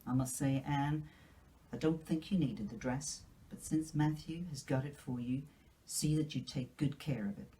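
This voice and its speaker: A stern older storybook woman, practical and disapproving, read by a woman. Her voice sits low and mellow, with a measured pace and a grudging, no-nonsense delivery. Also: poor audio. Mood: brisk, grudging.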